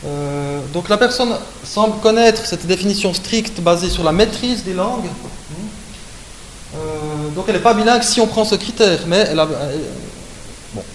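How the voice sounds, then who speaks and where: Lecturing at a normal speed in a voice that sits high, a man from Switzerland works through academic material, peppering it with "hein" and "euh" and revising himself mid-thought. Faint hiss and room echo run under the recording.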